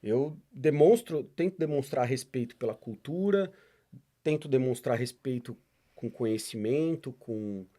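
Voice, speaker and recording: A man's voice: medium pitch, measured pace. A man, a podcast guest, telling stories in a casual interview and acting out the quoted dialogue. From Brazil. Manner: animated storyteller, acts out quoted dialogue.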